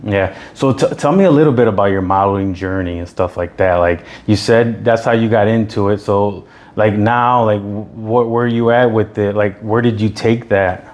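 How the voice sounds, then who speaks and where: A man's voice: on the low side, moderate pace, darkish tone. A man hosting an interview show from his garage, easygoing and friendly, backing his guest with lots of "mm-hmm" and "yeah". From Toledo, Ohio area. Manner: easygoing, frequent "mm-hmm" and "yeah", upbeat greetings. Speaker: podcast host. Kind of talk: casual interview chat.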